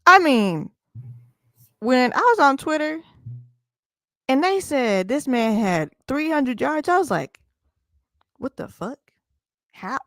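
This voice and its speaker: A woman co-hosting a casual sports podcast, talking in a profane, teasing, animated way. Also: high voice, takes it slowly, pauses often, no echo. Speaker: podcast co-host.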